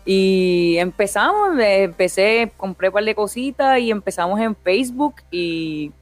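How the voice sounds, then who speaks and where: A young Puerto Rican streamer with a Puerto Rican Spanish accent chats casually as an interview guest, laughing often and slipping in English words. Her medium-pitched voice has lively intonation and a measured pace, recorded dry with faint music behind.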